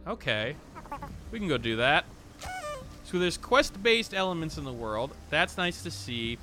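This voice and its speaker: A gaming video host with a slightly high, very animated voice speaks at a measured pace over music. His let's play commentary is casual and off the cuff, rambling as he thinks aloud, interrupting himself, and reading game text aloud.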